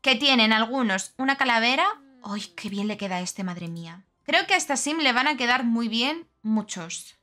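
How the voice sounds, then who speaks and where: A woman's voice: on the high side, lively intonation, moderate pace, hardly any pauses, pushed and bright. A young woman gives casual, chatty game commentary, gushing and exclaiming as she goes. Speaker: game reviewer.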